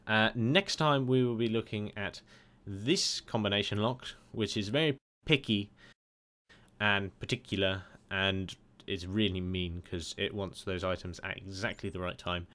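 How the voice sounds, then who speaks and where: A man's voice: lowish voice, unhurried, fairly bright tone. A man casually narrating a game tutorial over a screen recording, chatty and rambling with lots of "uh"s. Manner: rambling, chatty, many filler "uh"s.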